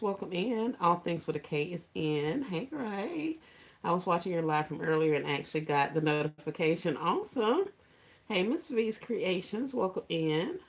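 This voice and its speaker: A woman hosting a casual livestream, greeting viewers by name, laughing often and teasing playfully. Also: on the low side. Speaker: livestream host.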